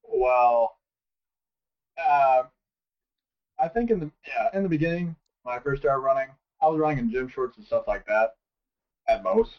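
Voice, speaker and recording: A man co-hosting a podcast, telling a story in a relaxed way with hesitant fillers. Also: mid-range voice, unhurried, long pauses. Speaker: podcast co-host. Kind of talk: casual chat. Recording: distant, dull lo-fi sound.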